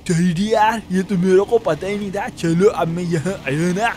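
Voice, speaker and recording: A man doing a broke young shop helper in a game role-play, talking to himself nonstop in a Pakistani Urdu accent. His voice sits high for a man, and he rambles and chuckles between lines. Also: moderate pace, a little mellow, natural voice. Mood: chatty. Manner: rambling self-talk, frequent chuckles and "yaar".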